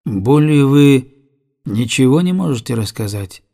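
A calm, detached young sea captain asks questions in a cool, indifferent tone, voiced by a man reading a story aloud. He speaks slowly, without any fuss. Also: medium pitch, creaky.

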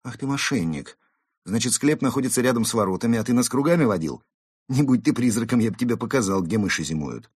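A man voicing a scornful, sharp-tongued cat in a storybook reading. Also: sits low, lively intonation, normal speed, slightly rough, dry recording, studio quality. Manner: mocking and scornful. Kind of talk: audiobook character reading.

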